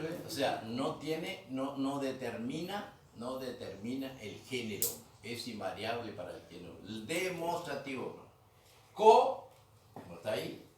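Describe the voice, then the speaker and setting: A man teaching a grammar class in a museum room, patiently repeating terms and checking that students follow. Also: medium pitch. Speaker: language teacher. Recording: echoey room, mic far off, faint noise.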